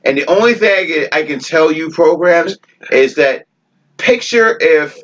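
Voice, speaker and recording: Animated, profane man telling a story. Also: a little high, measured pace. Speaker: podcast co-host. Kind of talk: casual storytelling chat. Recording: dull lo-fi podcast audio.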